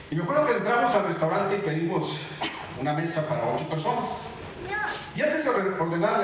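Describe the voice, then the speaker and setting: A man preaches a sermon in a fairly high voice. He swings from fiery, raised lines to sudden hushed ones, leaning on each word for emphasis. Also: a little hiss or hum. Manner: impassioned preaching with sudden drops to hushed tones. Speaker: pastor.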